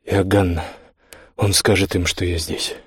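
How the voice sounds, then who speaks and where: A guilt-ridden young man in hiding, speaking low, hushed and resigned, as a male narrator plays him. Deep, husky and dry. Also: little pitch movement, measured pace, dry recording, heavily acted. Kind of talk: audiobook character voice.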